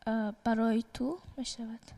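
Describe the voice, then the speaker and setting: A woman's voice: fairly high pitch, steady tone, vocal fry, mellow. A young woman student answering quiz questions in short, hesitant replies. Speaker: student contestant.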